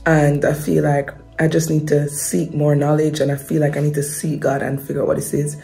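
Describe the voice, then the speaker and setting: A woman's voice: sits low, level tone, a little fast, vocal fry, mellow, faint music behind. A young woman vlogging in a casual, confessional way, rambling and trailing off with repeated fillers. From Jamaica. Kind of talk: casual confessional chat to camera.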